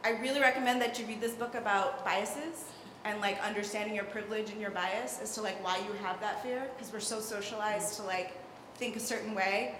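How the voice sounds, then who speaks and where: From the audience in a big, echoey event hall with faint room noise, a young adult woman delivers a long, rambling, hedging comment. Her medium-pitched voice stays steady, brisk and with few pauses.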